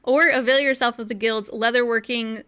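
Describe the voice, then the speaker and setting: A woman co-hosting a casual gaming podcast, chatty and giggly, reading a blog post aloud with quick asides. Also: fairly high pitch, fairly even intonation, fairly bright tone, clear, resonant tone. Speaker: podcast co-host.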